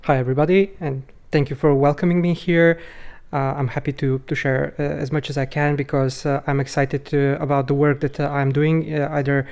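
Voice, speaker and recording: A man from Bulgaria, speaking as a podcast guest in a hesitant, halting way with many filler sounds. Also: a little high, flat delivery, vocal fry, a little mellow. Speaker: podcast guest, rope bondage instructor. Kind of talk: casual conversational interview.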